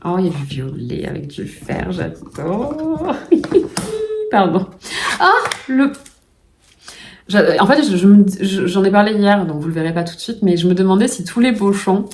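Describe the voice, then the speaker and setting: A woman vlogging casually at home, gushing with excitement and often restarting with fillers. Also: mid-range voice, a little fast, hardly any pauses, background noise. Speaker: puzzle vlogger. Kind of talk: casual vlog chat.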